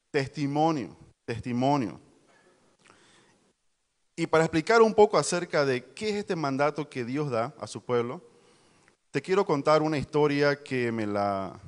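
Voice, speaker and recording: A man preaching to a youth service, telling a fable and quizzing the congregation. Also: fairly high pitch. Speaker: pastor. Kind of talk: youth sermon storytelling. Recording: long hall reverb.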